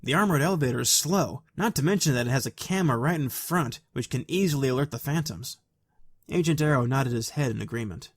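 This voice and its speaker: A man narrating a fan story aloud in a quiet, even, soft-spoken way. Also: mid-range voice, fairly quick, breathy edge, no echo, clean studio sound.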